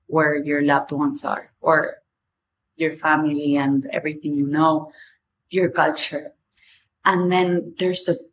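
A woman in her twenties, a native Spanish speaker with an Argentinian accent, hosts a personal podcast monologue, talking candidly, rambling, and swearing casually. Her voice is low, and the rough recording has a slight hiss or hum.

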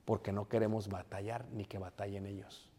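A man's voice: lowish voice, flat delivery, a little fast, dark tone, a little hiss or hum. Bilingual preacher man in a reverberant hall. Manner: preachy, addresses congregation as brothers, mixes English phrases. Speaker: pastor. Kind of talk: sermon. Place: church.

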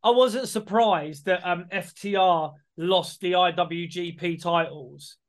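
A man with a high voice chats casually, often restarting his sentences and swearing easily. His delivery is rambling and informal. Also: takes it slowly. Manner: chatty, hesitant, swears casually. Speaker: podcast co-host. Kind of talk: casual chat.

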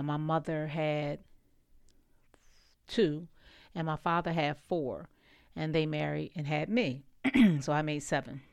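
A woman's voice: deep voice, smooth, no room sound. A middle-aged woman telling personal stories about her father in a casual, reflective way, often repeating phrases. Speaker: storyteller sharing family memories.

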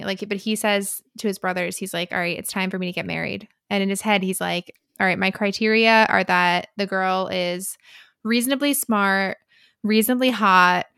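Wry woman with a gravelly edge. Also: medium pitch, pushed and bright, no echo, clean studio sound. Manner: skeptical, wry, drawn-out musing. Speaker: podcast co-host. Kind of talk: casual book chat.

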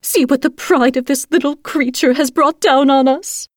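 A woman voicing spiteful jealous sisters in a storybook reading, high and scornful. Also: steady tone, normal speed, dry recording, clean studio sound, close to an everyday voice. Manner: scornful, accusing. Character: shrill spiteful older sisters, young women.

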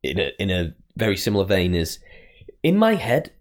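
A man's voice: deep voice, wildly swooping pitch, moderate pace. A man co-hosting a podcast in casual, bantering conversation. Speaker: podcast co-host.

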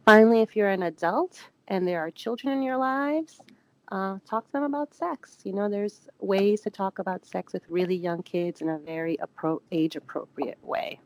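A woman's voice: mid-range voice, normal speed, no echo, rough recording. A woman guest giving earnest, casual advice on sexual health, with frequent fillers.

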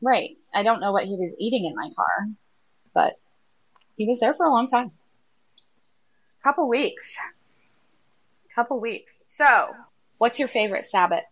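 A woman hosting a podcast, easygoing and chatty with quick affirmations. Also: fairly high pitch, sing-song. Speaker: podcast host. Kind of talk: casual podcast chat. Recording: dull lo-fi remote audio.

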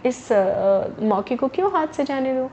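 A woman voicing a shrewd, money-minded village merchant man, calling out loud and drawn-out in a storybook tale. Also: high-pitched, lively intonation, a little hiss or hum. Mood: scheming.

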